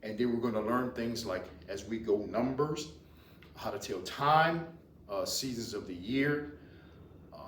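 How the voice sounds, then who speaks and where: Male language teacher, Louisiana Cajun accent, deliberate and repetitive, slow delivery, picked up by a distant mic. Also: mid-range voice, fairly bright tone. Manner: deliberate, repetitive, with hesitant pauses. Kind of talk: informal lesson, explaining and repeating words. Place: indoors in a library. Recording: roomy, distant mic, faint noise.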